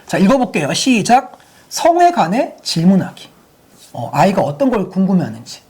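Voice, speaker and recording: Lively husky woman lecturing. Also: mid-range voice, moderate pace. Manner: lively, many rhetorical questions to the audience. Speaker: sex education instructor. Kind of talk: lecture to parents.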